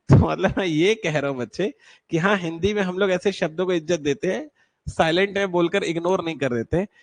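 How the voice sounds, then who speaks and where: A man's voice: sits high, brisk. A man teaching an online class, patiently quizzing students and checking whether anyone is struggling. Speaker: exam-prep English teacher.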